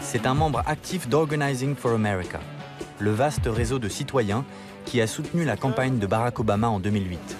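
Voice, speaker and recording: Measured male documentary narrator. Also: medium pitch, over music. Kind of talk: scripted narration.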